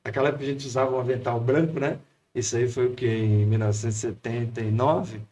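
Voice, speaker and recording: A man in his fifties, a pastor with a Brazilian Portuguese accent, telling a personal story in a lively, animated way. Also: mid-range voice, fast, a little hiss or hum. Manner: lively anecdotal storyteller, acts out quotes. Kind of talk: storytelling in casual chat.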